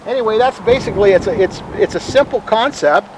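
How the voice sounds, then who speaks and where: Calm, higher-pitched male museum guide. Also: fast, noisy background. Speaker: bird sanctuary museum guide and bird bander. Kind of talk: informal guided tour, explaining.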